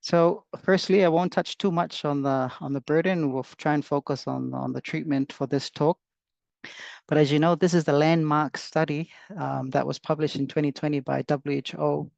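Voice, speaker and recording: A man's voice: on the high side, steady tone, moderate pace, creaky, a little mellow, dry recording. A man from Samoa, a clinical advisor giving an online lecture, hesitant and full of fillers and restarts. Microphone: video call. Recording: dull lo-fi video call audio.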